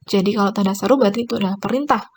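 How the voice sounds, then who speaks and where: A woman's voice: mid-range voice, racing, darkish tone, slight background noise. A woman teacher giving a recorded grammar lesson, explaining each point and pointing at examples on screen. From Indonesia.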